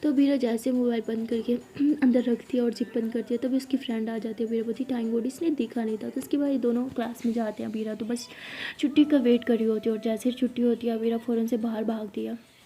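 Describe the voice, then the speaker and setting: A woman's voice: on the high side, little pitch movement, fast talker, warm tone. A woman narrating a love story in a chatty, casual way, with conversational asides.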